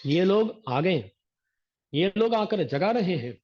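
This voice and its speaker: A man, a religious teacher, giving a devotional discourse that explains verses with homely everyday examples and gentle humor, reciting scripture slowly. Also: high-pitched, very animated. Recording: dull lo-fi recording.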